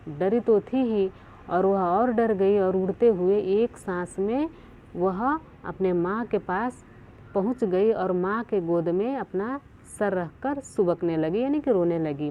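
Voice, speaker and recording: A woman teacher reads a Hindi lesson aloud and then explains each line again in simpler words. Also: medium pitch. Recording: tinny phone-like recording.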